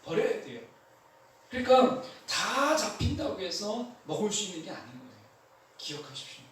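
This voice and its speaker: A man preaching a sermon as pastor, animated and repeating his key phrases. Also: sits high, normal speed. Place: church sanctuary. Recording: echoey church hall, mic from far off.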